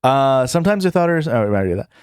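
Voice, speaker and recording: His medium-pitched voice is sing-song and very fast, smooth, captured dry at studio quality. He's a young adult streaming live, reading questions out and answering casually and ramblingly, with fillers, restarts, self-corrections and chuckles.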